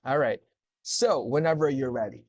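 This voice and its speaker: Brief: patient male ESL tutor, mid pitch, dry sound. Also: normal speed, a little mellow, no echo. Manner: patient, explains step by step with frequent "okay?" checks. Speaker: English tutor. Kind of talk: one-to-one speaking lesson.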